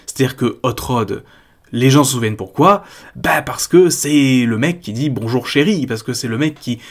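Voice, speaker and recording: Sarcastic man critiquing films. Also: mid-range voice. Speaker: YouTube film critic. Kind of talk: scripted video-essay commentary.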